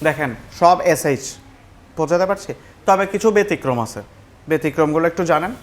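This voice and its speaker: A man with a Bangladeshi accent teaching English pronunciation in a classroom, repeating words slowly and mixing English phrases into his explanations. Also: on the high side. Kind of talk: classroom lesson.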